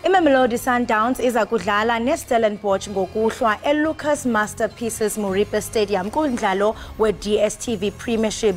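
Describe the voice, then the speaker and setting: A woman with a Xhosa accent reading a scripted sports bulletin as a presenter. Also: medium pitch. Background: music bed.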